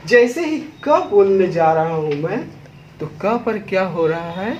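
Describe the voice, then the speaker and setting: Slow, high-voiced Hindi teacher in echoey room. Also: male voice, sing-song, darkish tone, muffled recording, a little hiss or hum. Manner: slow, stressing each syllable aloud to demonstrate; addresses students directly, firm and instructive. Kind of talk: classroom lesson.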